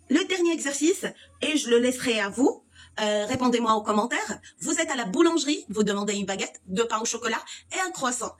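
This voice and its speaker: Brief: husky woman French teacher, Egyptian accent, raised pitch, slow patient explanations. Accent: Egyptian Arabic. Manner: explains slowly, repeating words and asking questions of the learners. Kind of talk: language lesson, switching between French and Egyptian Arabic.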